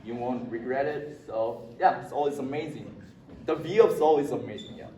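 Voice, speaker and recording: A young man from South Korea, a native Korean speaker, gives a class presentation in a cheerful, joking way. His voice sits at an ordinary pitch, picked up from a distance in an echoey room with noticeable background noise. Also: moderate pace. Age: young adult. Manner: cheerful, jokey, laughs between lines. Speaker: exchange student presenter. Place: school room. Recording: roomy, distant, noisy room audio.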